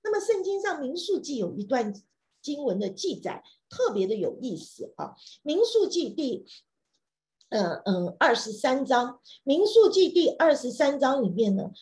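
A woman preaching a sermon, with many fillers and repeated phrases, who drops English words into her talk and breaks into shouted praise. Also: sits high.

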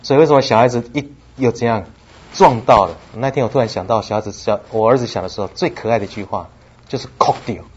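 A man preaching a sermon, telling the story with lively acted-out lines and frequent laughter. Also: medium pitch, fast talker. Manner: lively storytelling, acts out dialogue, laughs often. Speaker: pastor. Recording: slightly dull with faint background noise.

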